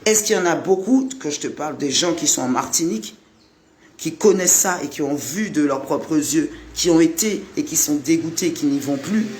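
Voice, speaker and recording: Man from Guadeloupe, high voice, preachy repetitive vlog rant, faint hiss behind. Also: lively intonation, moderate pace, darkish tone. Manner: repetitive, rhetorical, addresses the listener directly. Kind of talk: impassioned monologue to camera.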